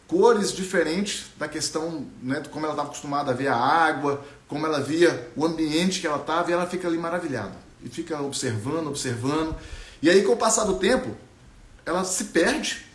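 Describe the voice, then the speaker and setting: High-voiced man telling a story. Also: reverberant. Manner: relaxed, reflective, with many fillers. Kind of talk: spoken storytelling.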